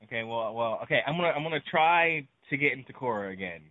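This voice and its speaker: A young man in casual late-night chat about games, excitable and quick to repeat himself when he disagrees. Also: medium pitch, dry recording. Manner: excitable, repeats words when pushing back. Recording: tinny phone-like line, dry.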